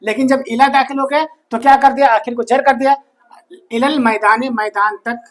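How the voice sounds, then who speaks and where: A man teaching a grammar lesson, slowly repeating each phrase and answering his own questions. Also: very high-pitched, steady tone, a bit bright. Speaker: Arabic teacher.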